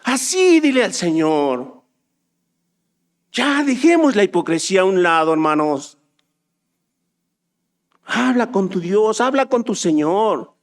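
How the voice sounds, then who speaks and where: A man with a high voice delivers a church sermon. He drops into soft, low asides, then climbs into loud, urgent exhortation. The delivery stays impassioned throughout. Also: animated, a little slow, long pauses. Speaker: preacher.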